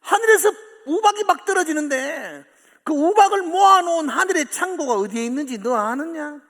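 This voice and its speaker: A man's voice: very high-pitched, expressive, normal speed, a bit bright, pitched above the performer's own voice. A male preacher voicing God as a commanding, majestic figure who fires rhetorical questions, heard with long church hall reverb.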